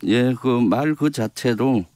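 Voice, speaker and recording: A man speaking as a lawmaker and retired general in a radio interview, explaining in a measured way with frequent affirmations. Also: medium pitch, a little mellow, dry recording, clean studio sound.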